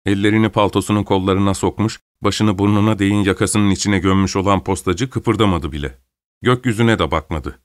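A man narrates a story in a steady, measured reading voice. His voice sits low, and the recording is dry and close with no room sound. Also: no room sound. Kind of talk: scripted narration.

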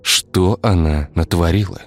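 A man reading a story, voicing a young village priest who speaks gently and sternly. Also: deep voice, measured pace, no room sound. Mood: calm.

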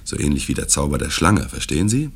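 A man's voice: rumbling low, very animated, fast talker, full character voice. A man reading the part of a suave, evasive asylum director in a dramatic reading of a classic tale. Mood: insistent. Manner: smooth, insistent, courteous yet brusque when crossed.

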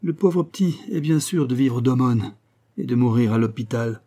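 A man reading an audiobook voices a scornful, sharp-tongued young mother, mocking and quick to anger. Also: medium pitch, animated. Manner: mocking, exasperated.

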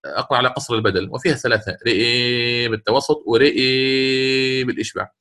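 Bright-voiced man giving a recitation lesson. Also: mid-range voice, rapid-fire. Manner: explains step by step, repeats key words, quizzes students. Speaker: sheikh teaching Quran recitation. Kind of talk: classroom lecture on recitation rules.

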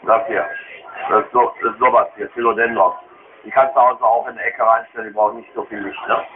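Through a thin, phone-like recording with clear background noise comes a man with a slightly low voice. He talks like a market plant seller working a customer, casual and chatty. His folksy sales patter keeps checking in with short tag questions. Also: fairly even intonation, quick pace. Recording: noisy, tinny phone-like sound.

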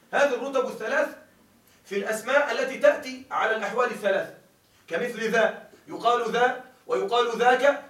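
A man's voice: very high voice, a bit bright, roomy sound, far from the mic, poor audio. A male teacher gives a grammar lecture. He reads a classical text aloud, explains it, and keeps checking that his listeners follow.

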